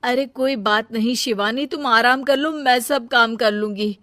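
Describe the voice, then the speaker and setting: An emphatic, sharp-tongued elder sister-in-law in a cartoon moral tale, acted by a woman. Her voice is fairly high and measured in pace, in a dry recording. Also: no room sound. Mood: reassuring.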